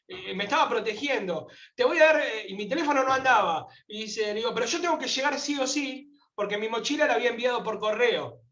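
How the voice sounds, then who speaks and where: A man's voice: very high voice, quick pace, hardly any pauses, reverberant, dull audio. A man from Argentina with an Argentine accent, a guest telling a heartfelt story in an interview and acting out the voices in it. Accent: Argentine Spanish. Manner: animated, acts out quoted voices. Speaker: guest pilgrim.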